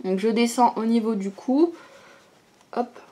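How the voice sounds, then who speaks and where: A young woman with a somewhat high voice talks casually as she does her makeup. She explains each step in a chatty way, dropping fillers and small "hop" sounds as she works. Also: measured pace, dark tone. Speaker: beauty vlogger. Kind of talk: casual get-ready-with-me makeup tutorial.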